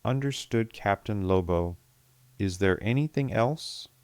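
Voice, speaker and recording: A man reading the lines of a disciplined, reserved high commander in an audiobook. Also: animated, a little slow, smooth, no room sound. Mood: formal. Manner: restrained, formal.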